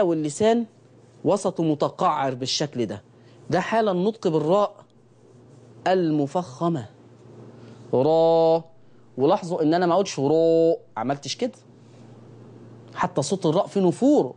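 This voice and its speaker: A middle-aged man with an Egyptian Arabic accent giving a televised Quran recitation lesson, repeating key phrases and slowly sounding out letters for viewers to copy. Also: fairly high pitch, lively intonation, darkish tone.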